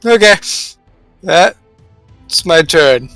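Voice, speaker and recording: A man playing a tabletop game, declaring his actions with a dry, unhurried delivery. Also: fairly high pitch, lively intonation, a bit bright, no room sound, faint music behind. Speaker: player. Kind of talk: casual game chat.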